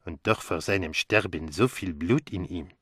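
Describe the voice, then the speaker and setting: A man voicing a fussy older male detective who muses slowly and lingers on his words. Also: sits low, fairly bright tone, breathy edge, no echo, studio quality. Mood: brooding. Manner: slow, musing, lingering on words.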